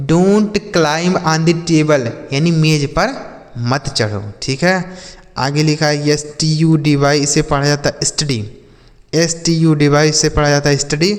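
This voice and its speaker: A man teaching English vocabulary from Hindi, spelling each word letter by letter and slowly repeating every example sentence. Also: a little high, long reverb tail. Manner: asks the listener questions and answers them himself. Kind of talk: slow, drilled vocabulary lesson.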